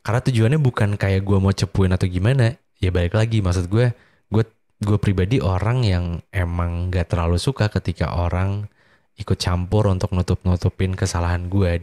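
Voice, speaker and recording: A warm-toned man with an Indonesian accent, recorded without echo, rambles casually as the host of his own late-night podcast. Drowsy and a bit under the weather, he speaks in a sleepy, low-energy way.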